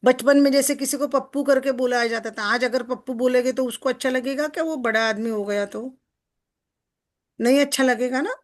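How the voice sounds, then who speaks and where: Chatty woman success coach. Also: high-pitched. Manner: chatty, asks listeners for agreement with tag questions; slows down when reading passages aloud. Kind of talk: group coaching session, reading and explaining a text.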